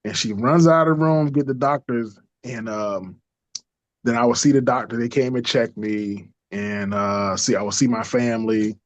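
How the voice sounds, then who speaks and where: A man telling a personal story in a casual interview, lively, laughing often and acting out the voices of people he quotes. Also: mid-range voice, moderate pace, no room sound. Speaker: interview guest. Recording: dull lo-fi dry sound.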